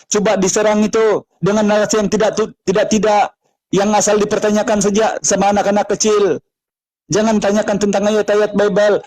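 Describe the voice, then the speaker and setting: A man's voice: sits high, darkish tone, poor audio. A man with an Indonesian accent, a preacher in a heated live debate who presses the same question again and again. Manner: insistent, repeats questions.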